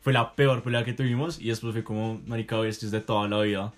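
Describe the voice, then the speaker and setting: A man's voice: fairly low pitch, fairly even intonation, quick pace. A young man, chatting and teasing a friend in heavy slang. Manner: slangy, teasing, laughs often. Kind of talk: casual chat between friends.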